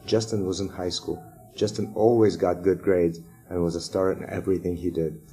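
A man reading a children's chapter book aloud to sixth graders in a steady, measured way. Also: sits low, poor audio.

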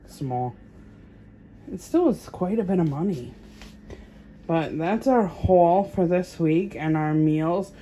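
A woman's voice: fairly low pitch, a little mellow. A woman vlogging casually at home as a mom, chatty and rambling, thinking aloud with fillers as she goes. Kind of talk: casual grocery haul chat.

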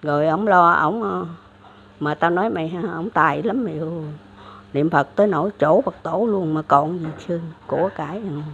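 Older woman, Southern Vietnamese accent, gravelly voice, rambling folk storytelling, dull lo-fi sound. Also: lowish voice, brisk, a little hiss or hum. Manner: rambling, many fillers and restarts. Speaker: elderly storyteller. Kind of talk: casual religious storytelling. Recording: dull lo-fi recording.

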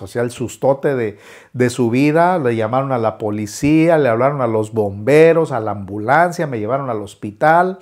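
A man, a musician telling his own life story in a halting way, with many restarts and filler words. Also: medium pitch, a little mellow. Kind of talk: personal storytelling.

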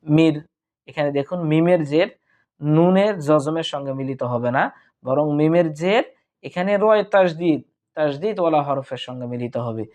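A man whose first language is Bengali teaches tajweed, the rules of Quran recitation, in a slow lesson. His fairly high, darkish voice moves at normal speed as he breaks words into syllables and then chants the verses in drawn-out fashion.

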